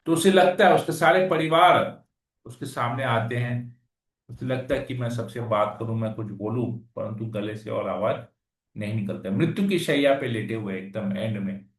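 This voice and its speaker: This is a Hindi scripture reading with commentary: a man of medium pitch and moderate pace recites verses, then explains them in everyday conversational language. The recording is far from the mic in a room with echo.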